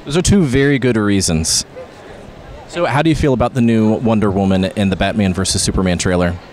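A man's voice: lowish voice, brisk, darkish tone. A man interviewing a cosplayer, asking questions and teasing in a wry way. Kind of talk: casual interview.

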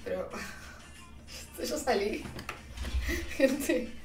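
A woman's voice: fairly high pitch, lively intonation, very slow, darkish tone. A woman with an Argentine accent telling stories to her stream chat in a slangy, chatty way, laughing at herself. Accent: Argentine Spanish. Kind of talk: casual storytelling to stream chat. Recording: roomy, distant mic, faint music.

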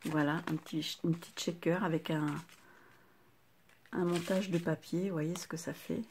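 A woman's voice: deep voice, steady tone, normal speed, a little mellow, slight background noise. An older woman hosting a craft video, chatting casually to viewers and gushing with delight over each item she unwraps. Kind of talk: casual unboxing chat to viewers.

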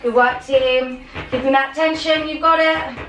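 This young adult woman's voice sits high and slightly bright, with fairly even intonation and a measured pace. Coaching a home workout, she issues short, commanding calls, countdowns and motivating cheers. Her small living and dining room and a camera a few metres away make the recording roomy and distant, with music beneath.

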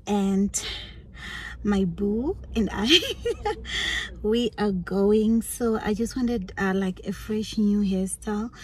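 Woman in her 30s vlogging on her phone in the car, slow and chatty, half whispering a lot. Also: medium pitch, steady tone, a little mellow, breathy edge, poor audio. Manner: chatty, often drops to a near whisper. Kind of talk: casual chat to camera. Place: parked car. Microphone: phone at arm's length.

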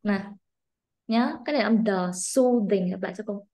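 A woman's voice: mid-range voice, expressive, brisk, a little mellow. A Vietnamese woman, an English teacher, drilling a student's pronunciation with strict, corrective remarks in a one-on-one lesson. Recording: echoey room.

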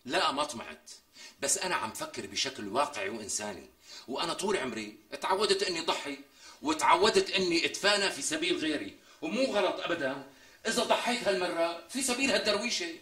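A theatrical comic braggart. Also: male voice, on the high side, expressive, pushed and bright, roomy sound. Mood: earnest. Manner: theatrical, exaggerated, drawn-out emphasis. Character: boastful man mocking a woman, melodramatic. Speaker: comic sketch character. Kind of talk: TV sketch comedy acting.

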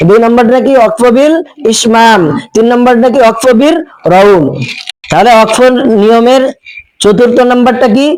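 High-voiced Bangladeshi man teaching recitation rules. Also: a little mellow, dry recording, low-quality recording. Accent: Bangladeshi Bengali. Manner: asks questions and answers them himself, drawn-out chanted recitation of verses. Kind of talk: tajweed lesson with recited examples.

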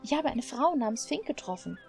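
A woman's voice: very animated, a little fast, creaky, darkish tone. A woman voicing a stubborn, eager young girl in a game, speaking earnestly in a raised voice. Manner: earnest, pleading, raised pitch. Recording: faint music behind.

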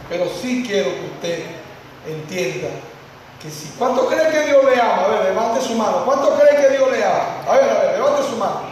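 High-pitched male pastor preaching, lively, big echoey church, mic far away. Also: moderate pace, slight background noise. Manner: lively, acts out congregants, addresses listeners directly. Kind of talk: sermon. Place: church hall.

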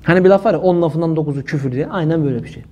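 A man speaking in an indignant religious monologue, his voice sitting high for a man. He presses his points hard, repeating phrases and sprinkling in pious formulas. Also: racing, warm tone, muffled recording. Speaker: religious commentator.

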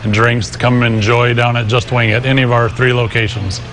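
Over a remote link from a noisy, busy sports bar, a middle-aged man representing a restaurant gives a casual promotional interview as a guest. His mid-range voice is level, a little fast and a bit bright, and he speaks easily yet hesitantly.

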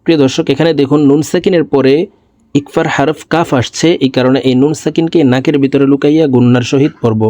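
A man's voice: on the high side, steady tone, mellow, no echo. Man drilling recitation letter by letter. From Bangladesh. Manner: slow syllable-by-syllable drilling, explains pronunciation rules; slow melodic chanted recitation. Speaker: Quran recitation teacher. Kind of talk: spelling-out recitation lesson.

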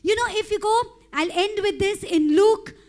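A woman's voice: very high voice, moderate pace. A middle-aged woman from India preaching a sermon into a handheld mic on a church stage, growing impassioned. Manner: impassioned, rising to shouted prayer. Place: church stage with pink backdrop.

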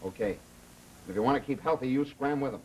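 An actor playing a tough, menacing American gangster in a 1930s film, with snappy, slangy delivery. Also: male voice, medium pitch, quick pace, close to an everyday voice. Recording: noisy 1930s film soundtrack.

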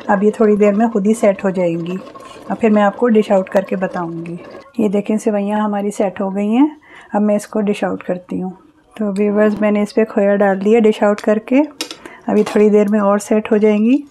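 A woman hosting her cooking channel, calmly explaining each step of a recipe as she cooks in her home kitchen. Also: medium pitch, normal speed, slight background noise.

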